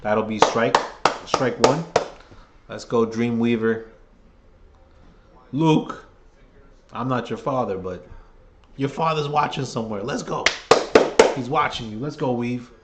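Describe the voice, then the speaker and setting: Hoarse New fan calling the game. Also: male voice, medium pitch, takes it slowly, pauses often, very noisy. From New York. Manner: rambling, opinionated, restarts phrases often. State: hoarse, losing his voice. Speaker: fan livestream host doing play-by-play. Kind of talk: casual fan play-by-play commentary.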